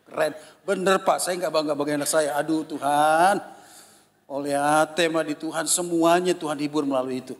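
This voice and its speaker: A man in his fifties, a pastor giving a sermon with a personal testimony, telling stories with lively impressions of his children and congregation. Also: on the high side, normal speed. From Indonesia. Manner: animated storytelling, mimics his children and congregation. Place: church hall. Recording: long church reverb.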